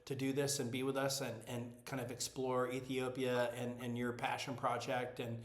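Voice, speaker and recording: A man co-hosting an interview, asking questions in a halting way, often repeating words as he thinks. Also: medium pitch, monotone. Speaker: co-host interviewer. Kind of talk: interview conversation. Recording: roomy echoey sound.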